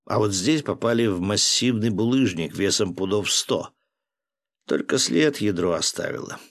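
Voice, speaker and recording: Low-voiced male audiobook narrator. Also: normal speed, no echo. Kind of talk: audiobook narration of historical fiction.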